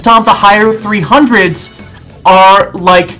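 A man's voice: sits high, fairly even intonation, measured pace, sharp tone, soft background music, rough recording. Young man chatting casually over a game. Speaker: gaming challenge player. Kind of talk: casual gameplay chat.

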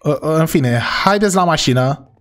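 A young man playing a role-play game and talking to his viewers, with sudden high shrieks of surprise. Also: expressive, fairly bright tone, soft background music. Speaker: gaming YouTuber. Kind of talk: role-play gameplay commentary.

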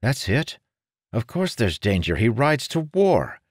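Narrator doing an impatient young noble guy, raised pitch, clipped and sharp. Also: sing-song, unhurried, dry recording, clean studio sound. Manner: curt, frowning.

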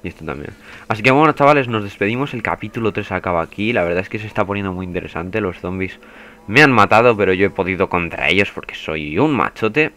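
A man's voice: lowish voice, expressive, fast talker. A young man giving casual, swearing let's play commentary as a gaming youtuber. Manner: swearing, chatty, bursts into panicked yelling.

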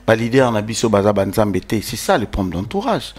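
Man talking music, animated. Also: fairly low pitch, fairly quick, slightly rough. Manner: mixes French and Lingala, animated, repeats words. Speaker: guest commenting on music news. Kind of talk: casual interview talk.

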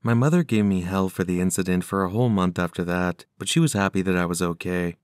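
A low-voiced man reads a scripted horror story in a measured, serious manner. His voice is smooth and clean, recorded close and dry with no room sound. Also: no echo.

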